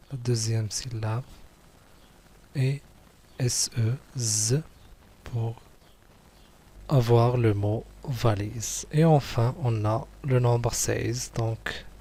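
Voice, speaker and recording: A man teaching young pupils, going slowly through a worksheet, repeating each word and praising answers. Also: mid-range voice, fairly even intonation, warm tone, a little hiss or hum. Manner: slow, patient, repeats words and praises answers.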